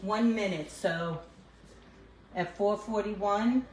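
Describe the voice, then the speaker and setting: A woman's voice: mid-range voice, takes it slowly, reverberant, slight background noise, rough recording. An older woman with a New York accent, chatting casually with her viewers while cooking in her kitchen, recorded on a phone. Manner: chatty, answers viewers as she cooks. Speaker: cooking livestream host. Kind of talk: casual live cooking chat. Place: home kitchen.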